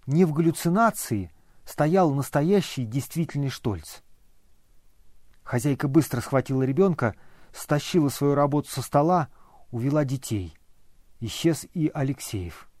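A man narrating a novel as an audiobook, in a measured, expressive reading. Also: medium pitch, dry recording, clean studio sound.

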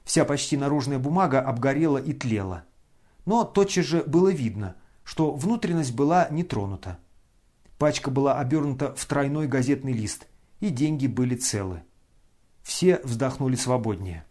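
Man narrating a classic novel. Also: mid-range voice. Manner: measured, expressive storytelling. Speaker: audiobook narrator.

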